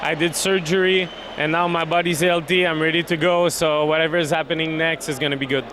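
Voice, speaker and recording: A man's voice: on the high side, steady tone, a little fast. A man with a Québécois French accent, a native French speaker, talking casually and confidently in English as a fighter in a post-fight interview. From Quebec, Canada. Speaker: MMA fighter being interviewed. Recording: clear urban ambient noise behind.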